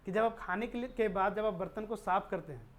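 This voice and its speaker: A woman's voice: medium pitch, fast. A woman teaching a chemistry lesson who keeps asking rhetorical questions and answering them, with English technical terms mixed in. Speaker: science teacher. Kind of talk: classroom-style chemistry lesson.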